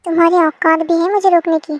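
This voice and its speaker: A woman's voice: very high-pitched, level tone, fairly quick. A woman voicing an arrogant rich young woman. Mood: haughty. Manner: arrogant, whiny. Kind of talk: amateur Hindi fan dub.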